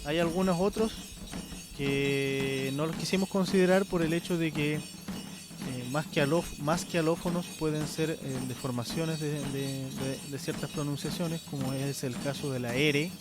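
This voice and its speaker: A man hosting a radio lesson on language sounds, explaining slowly and checking in often with short questions. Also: a little high, fairly even intonation, music in the background. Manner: unhurried, checks in with frequent "¿ya?" and "¿cierto?". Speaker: radio host teaching the language.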